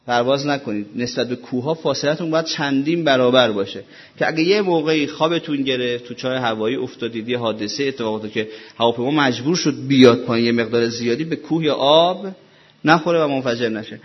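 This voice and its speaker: A man's voice: medium pitch, slightly rough, highs cut off. A man preaching a sermon as a religious lecturer, pressing his listeners with rhetorical questions in a row.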